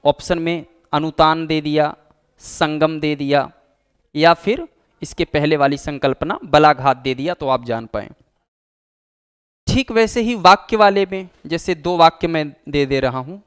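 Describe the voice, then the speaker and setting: A man's voice: a little high, a little slow, clear, resonant tone. A man teaching an exam-prep Hindi grammar lesson, explaining patiently, repeating key terms and acting out example phrases.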